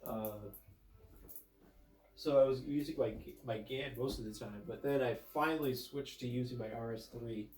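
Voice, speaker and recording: A man's voice: medium pitch, normal speed, a little mellow. Stuffed-up man rambling in an echoey room. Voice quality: congested, stuffed-up nose. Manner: rambling, self-correcting, thinking aloud. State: has a cold with a stuffed, runny nose. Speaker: vlogger with a YouTube channel. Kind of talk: casual vlog chat.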